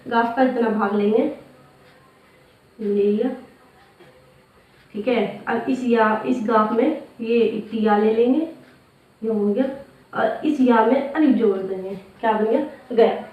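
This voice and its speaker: A woman's voice: a little high, fairly even intonation, slow, long pauses. A woman teaching Urdu letters step by step, asking and answering her own questions and repeating each step. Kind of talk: step-by-step writing lesson. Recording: roomy, distant, dull lo-fi sound.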